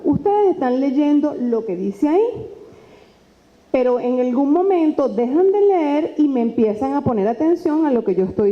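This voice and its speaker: Lively woman lecturing in a hall. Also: sits high. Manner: lively, conversational, acts out quoted dialogue. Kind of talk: lecture on presentation skills. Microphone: handheld microphone. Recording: dull sound with long hall reverb.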